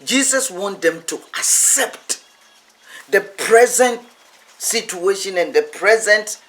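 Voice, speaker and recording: A man's voice: high-pitched, animated, slow, a bit bright. A man preaching a teaching sermon, speaking emphatically and repeating phrases for effect.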